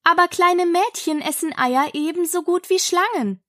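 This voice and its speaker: A woman's voice: extremely high pitch, moderate pace, bright, forceful tone, pitched above the performer's own voice. A woman voicing an earnest, bewildered little girl in a storybook reading, protesting and earnest.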